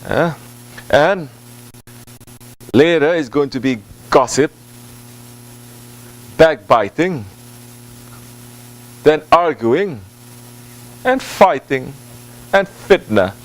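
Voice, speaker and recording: A man serving as a Sufi religious teacher at a dargah gives a spiritual talk, an informal sermon answering a question. His phrasing is deliberate and halting with repetition for emphasis, and he mixes Arabic and Turkish religious phrases into English. His voice is a little high and animated; the audio is poor.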